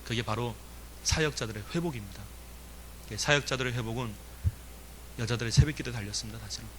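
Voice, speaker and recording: A man preaching a sermon in a lively, emphatic way, asking the congregation questions and chuckling now and then. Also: medium pitch, quick pace, slight background noise. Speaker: pastor.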